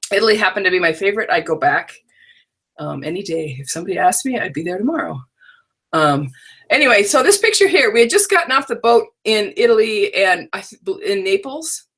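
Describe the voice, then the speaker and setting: A middle-aged woman chats casually while hosting a live online crafting workshop from the stamp room in her house, rambling on to viewers who aren't seen. Her voice is mid-range and fairly bright, slightly rough, with a scratchy, drowsy quality. It's relaxed live-stream talk.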